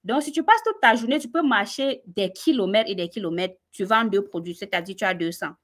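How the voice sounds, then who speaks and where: A woman speaking a little fast at medium pitch shares her personal story on a live stream. She has a Cameroonian French accent and addresses her listeners directly with animation.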